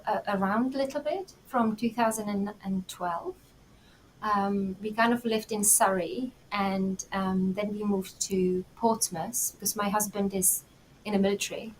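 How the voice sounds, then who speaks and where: A woman's voice: mid-range voice, slight background noise, low-quality recording. Giggly woman with a Czech accent. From Czech Republic. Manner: warm, giggly, many pauses and fillers. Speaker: guest. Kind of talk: casual interview talk.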